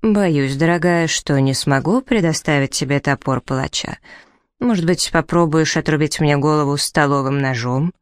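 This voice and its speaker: A woman's voice: deep voice, moderate pace, no room sound, studio quality, lightly acted. A woman reading as a roguish ironic nobleman. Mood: mocking. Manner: smooth, mocking irony. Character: charming roguish nobleman, ironic former thief.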